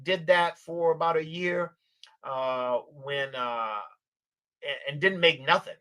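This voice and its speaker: A middle-aged man with a slightly higher-than-average voice, telling a story in a loose, animated way. He is a guest on a livestream chat, and he slips into the voices of the people he describes. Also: takes it slowly. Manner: animated, acts out the voices of people in his stories. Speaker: podcast guest.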